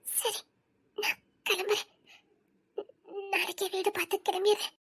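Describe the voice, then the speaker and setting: A woman's voice: very high-pitched, level tone, measured pace, fairly bright tone. A woman voicing a hurt young wife who speaks through tears, with a Tirunelveli Tamil accent. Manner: tearful, wounded.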